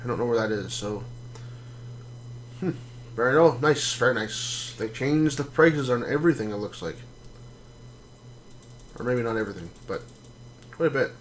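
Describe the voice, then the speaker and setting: A man's voice: medium pitch, normal speed, pauses often, a little hiss or hum. A man streaming a space game, explaining things casually with lots of ums and restarts. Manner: relaxed, rambling explanations with many fillers. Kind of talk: casual gameplay commentary.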